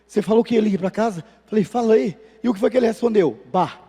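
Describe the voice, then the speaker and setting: Animated Brazilian pastor in a reverberant hall. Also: male voice, high voice, fast talker, breathy edge. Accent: Brazilian Portuguese. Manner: animated, acts out voices in anecdotes. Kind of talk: sermon with storytelling. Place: church sanctuary.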